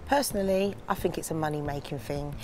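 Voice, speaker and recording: A woman's voice: low-pitched, fast, a little mellow, a little hiss or hum. A woman in her forties from London, giving a testimonial of her own views. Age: 40s. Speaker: community member giving views.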